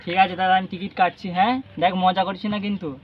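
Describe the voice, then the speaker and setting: Parrots squawk through ambient noise as a young adult vlogger makes a prank phone call in a high-pitched, flat, rapid-fire voice. He keeps the chat casual, teasing, coaxing and pushing with questions.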